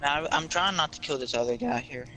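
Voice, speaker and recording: A man's voice: fairly high pitch, lively intonation, quick pace, sharp tone, a little hiss or hum, low-quality recording. A young man chatting while gaming, blunt and swearing as he calls out plays. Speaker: gamer. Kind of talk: casual chat while gaming.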